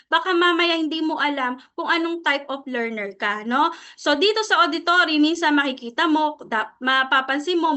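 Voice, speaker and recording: A middle-aged Filipino woman with a high, sharp-toned voice trains a sales team in presentation skills. Her seminar lecture is in Taglish, moving freely between Tagalog and English, and she checks in with listeners after almost every phrase.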